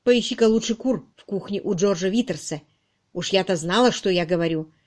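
A woman voicing a loud, bossy middle-aged charwoman in an audiobook, brusque and exclaiming. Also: mid-range voice, fairly quick, natural voice. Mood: gushing. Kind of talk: audiobook reading.

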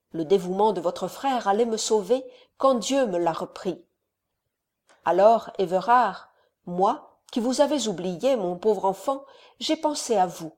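A woman voicing a scheming older male count who speaks to his son in a measured, solemn, persuasive way. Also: medium pitch, a little mellow.

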